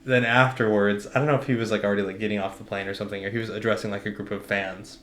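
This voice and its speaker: A young man with a fairly low voice co-hosts a casual sports podcast. He talks in loose, rambling runs packed with "like", and an echoey room surrounds his voice. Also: little pitch movement, very fast, fairly bright tone, slight background noise. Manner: rambling, many "like" fillers, laughs often. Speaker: podcast co-host.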